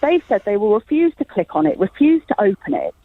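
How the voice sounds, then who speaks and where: A woman's voice: medium pitch, sing-song, a little fast, no room sound. A woman calling in to a radio show, earnest and a little hesitant with her words. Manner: earnest, hesitant, full of fillers. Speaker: caller. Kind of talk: phone-in call. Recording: tinny phone line.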